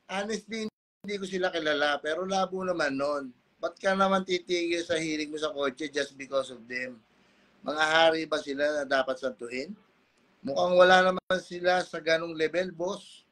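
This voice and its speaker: A man's voice: fairly high pitch, fairly even intonation, normal speed, fairly bright tone. A middle-aged man hosting a livestream as a father, calling out his critics with rhetorical questions and a wronged tone. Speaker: livestream host. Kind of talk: ranting livestream talk.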